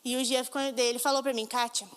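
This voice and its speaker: Woman preacher, high and fervent, acts out the dialogue, church reverb. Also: level tone, quick pace, clean tone. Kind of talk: sermon.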